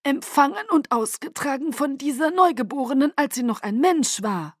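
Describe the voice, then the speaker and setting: A woman putting on a high, melodic, eerie vampire lord. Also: animated, moderate pace, no room sound, studio quality. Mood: silky, delighted. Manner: melodic, silky and theatrical. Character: ancient male vampire leader, charming and eerie. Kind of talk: audiobook reading.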